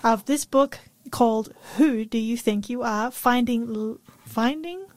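Bright woman radio co-host, kinda high voice, dry close studio mic. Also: unhurried, no echo.

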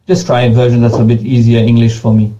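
Here the interviewed pastor, a native Creole speaker, sounds monotone and warm in a mid-range voice, talking fast. His unscripted replies are sincere but full of repeated and restarted words, and the recording is muffled.

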